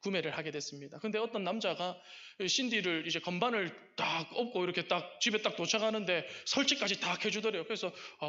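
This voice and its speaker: A man preaching a sermon, telling a story with lively shifts and softly acting out quoted prayers. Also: high voice, highs cut off. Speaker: pastor. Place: church sanctuary.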